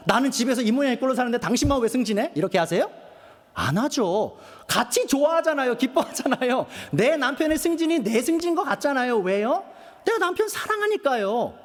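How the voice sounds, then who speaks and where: A man preaching an expository sermon as pastor, often asking the congregation rhetorical questions. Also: high voice. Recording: long reverb of a church hall.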